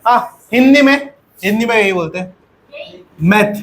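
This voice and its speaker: A man's voice: high voice, normal speed, fairly bright tone. A male teacher lecturing a classroom of pupils, often asking questions and repeating the answers.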